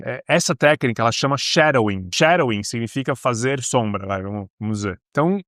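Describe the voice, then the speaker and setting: A Brazilian man teaching beginners in a casual, chatty way. He explains each step plainly and adds little asides as he goes. His voice sits at a middle pitch, and the sound is dry and close with no room echo. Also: a bit bright. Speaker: English teacher. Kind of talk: casual video lesson for beginners.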